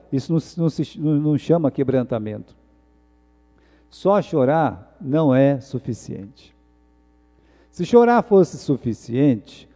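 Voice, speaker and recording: A Brazilian pastor delivers an emphatic sermon, his fairly high voice dark and mellow in tone. He fires off rhetorical questions and drops to quiet asides between loud peaks. The sound rings with the long reverb of a church hall. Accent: Brazilian Portuguese. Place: church sanctuary.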